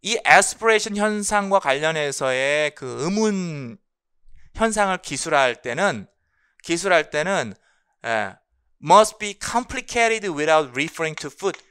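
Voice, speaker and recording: Lively bright-voiced male lecturer. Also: on the high side, slow pace, clear, resonant tone. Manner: explanatory, asks rhetorical questions and answers them; mixes English terms into Korean. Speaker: English phonology lecturer. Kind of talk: exam-prep lecture.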